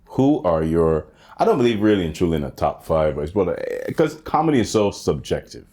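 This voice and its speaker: A man's voice: low voice, brisk. A man from Jamaica co-hosting a comedy podcast, asking questions with frequent short acknowledgments and repeated words. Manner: steady listener, frequent "right" backchannels, repeats words. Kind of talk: casual podcast chat.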